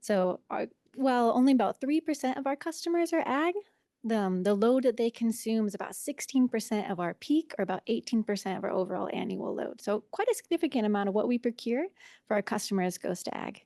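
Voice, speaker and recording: Nervous woman presenter, high soft-toned voice. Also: lively intonation, a little fast, no echo, clean studio sound. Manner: nervous, self-conscious first-time presenter. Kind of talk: conference presentation.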